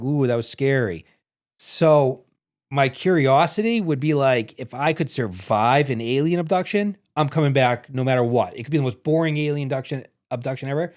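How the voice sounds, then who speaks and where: A man's voice: mid-range voice, darkish tone. A man co-hosting a casual podcast chat, telling loose, profane stories full of fillers. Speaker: podcast co-host.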